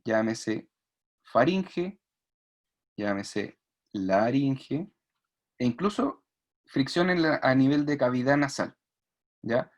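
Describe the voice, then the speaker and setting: A man's voice: mid-range voice, animated, takes it slowly, pauses often. A man giving an online speech therapy lecture, explaining patiently, demonstrating sounds and checking "¿ya?" often. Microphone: video call.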